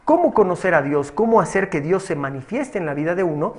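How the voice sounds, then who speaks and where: A man's voice: high voice, lively intonation, fairly quick. A man preaching a sermon to a congregation, telling a story with quoted dialogue and building up repeated phrases.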